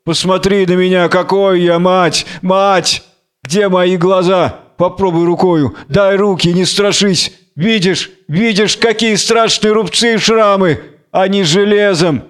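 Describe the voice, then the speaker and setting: A blinded, proud strongman hurls impassioned, anguished lines, voiced by a man reading a play. His anger and grief both run hot. The voice rings clear and a little high. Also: fairly even intonation, measured pace, a bit bright.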